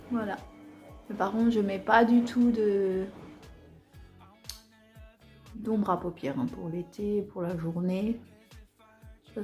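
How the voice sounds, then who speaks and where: A woman's voice: mid-range voice, darkish tone, echoey room. A woman with an Alsatian accent chatting casually through a makeup tutorial, talking while she applies her makeup, with lots of fillers. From Alsace, France. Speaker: beauty vlogger.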